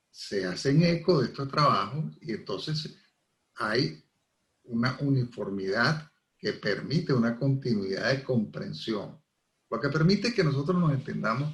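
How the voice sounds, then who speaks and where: A man's voice: medium pitch, a little mellow. Venezuelan guy on a radio show, lecturing with examples, kind of echoey studio sound. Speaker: guest language professor. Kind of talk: radio interview. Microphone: radio studio microphone.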